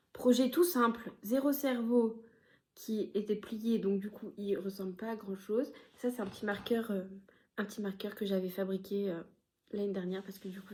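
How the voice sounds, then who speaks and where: On her knitting podcast, a woman chats casually and shows off her projects. Her mid-range voice comes with a hesitant, filler-heavy delivery and the occasional soft aside.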